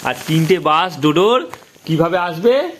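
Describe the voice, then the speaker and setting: A man's voice: on the high side, animated, a little slow. A man, filming a casual family vlog at home on a phone camera, talking to viewers and repeating his questions to get answers from family. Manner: chatty, repeats himself, coaxes family for answers. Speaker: family vlogger. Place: family home indoors and around the yard. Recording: echoey rooms, faint ambient noise.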